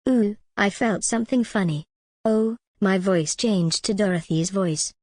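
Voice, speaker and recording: A woman's voice: mid-range voice, measured pace, darkish tone, no echo, clean studio sound, lightly acted. A woman voicing a female plant-eating dinosaur from a children's show, in stiff, evenly worded cartoon dialogue. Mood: scheming.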